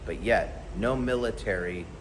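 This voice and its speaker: A man's voice: lowish voice, measured pace. A man from the United States giving an earnest, blunt and emphatic spoken commentary to camera. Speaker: vlogger. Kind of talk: impassioned direct-to-camera commentary. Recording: background noise clearly audible.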